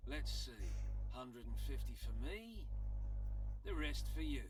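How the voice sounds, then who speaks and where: Actor as a slow-talking, guarded underworld go-between. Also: male voice, medium pitch, music in the background, close to an everyday voice. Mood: pleased, guarded. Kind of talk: video game voice acting. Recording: slightly distant, faint background noise.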